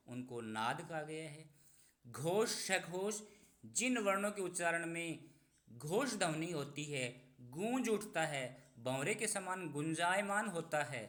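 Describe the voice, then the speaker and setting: A man teaching a Sanskrit exam-prep lesson, explaining slowly and repeating key terms with stress. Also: on the high side, bright, forceful tone. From Rajasthan, India.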